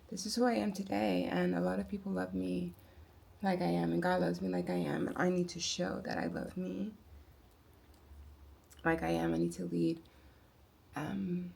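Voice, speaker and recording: Low gravelly woman musing softly. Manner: soft-spoken, musing, with quiet asides; unhurried and searching for words. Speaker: vlogger. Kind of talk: personal reflective vlog.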